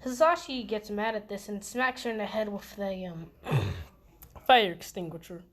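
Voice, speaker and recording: Girl rambling through a made-up fan story, slow, lots of ums. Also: mid-range voice, expressive. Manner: hesitant, with many ums and restarts. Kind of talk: improvised casual storytelling.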